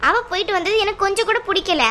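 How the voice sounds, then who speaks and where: Woman doing a stubborn cartoon little sister, argues sharp, really high bright voice. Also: fast. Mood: defiant. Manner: sharp, defiant, argumentative. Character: stubborn hot-tempered young woman, the younger sister. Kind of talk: cartoon voice acting.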